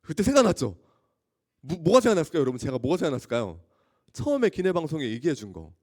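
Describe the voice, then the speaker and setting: A male youth pastor delivers a sermon to high school students. His pitch moves widely as he tells stories. He keeps turning to the listeners with questions and acts out scenes with loud exclamations. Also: fast talker. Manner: animated storytelling, often asking the audience questions.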